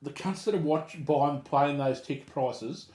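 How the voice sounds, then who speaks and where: A man's voice: on the high side, unhurried, darkish tone. An Australian man co-hosting a casual chat, telling stories in a blokey, sweary, slangy way. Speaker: podcast co-host telling a gripe. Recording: roomy, echoey sound.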